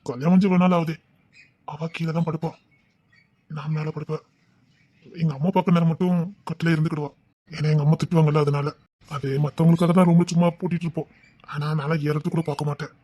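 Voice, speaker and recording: Brief: man as a gentle, unhappily married young man, husky and quick, quiet and consoling. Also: a little high, flat delivery, no room sound, close to an everyday voice. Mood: confiding. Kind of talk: TV serial melodrama.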